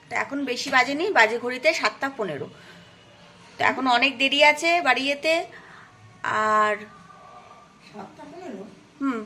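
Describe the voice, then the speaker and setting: A woman's voice: high-pitched, pushed and bright. A young woman chatting casually to her viewers in a daily vlog, often saying "so come, friends". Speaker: vlogger.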